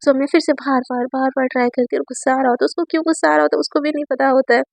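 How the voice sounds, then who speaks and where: A woman tells a romantic story in a loose, chatty way, full of fillers and restarts. Her voice is high and gravelly, with a touch of vocal fry. The recording is close and dry. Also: little pitch movement, racing, no echo. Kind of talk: casual spoken storytelling.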